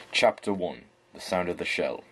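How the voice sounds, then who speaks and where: A man with a deep voice reads a novel aloud in an affected English accent. His tone is husky and slightly breathy. He trips over words now and then and starts them again. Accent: put-on English. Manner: stumbling, self-correcting reading. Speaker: amateur reader. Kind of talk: audiobook reading.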